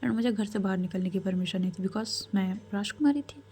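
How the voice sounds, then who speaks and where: A woman voicing a calm, commanding royal grandmother who gives measured, firm advice. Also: medium pitch, husky. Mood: firm counsel.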